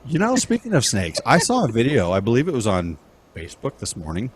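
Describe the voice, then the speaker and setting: A man's voice: mid-range voice, huge pitch swings, a little fast, breathy edge. A man hosting a talk show with crude, joking, casual banter. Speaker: show host.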